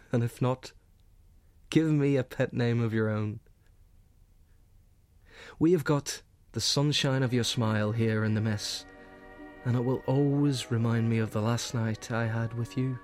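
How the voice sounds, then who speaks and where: An actor giving a gentle, earnest reading as a young soldier writing love letters to his sweetheart from the front. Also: medium pitch, fairly even intonation, measured pace, long pauses, soft background music, close to an everyday voice. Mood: tender. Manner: earnest, gentle, softly intimate.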